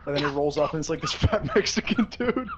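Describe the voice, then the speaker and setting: A speaker talking through a deep pitch-shifting voice changer in casual game voice chat, joking and laughing. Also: lively intonation, fast talker, dull audio, background noise.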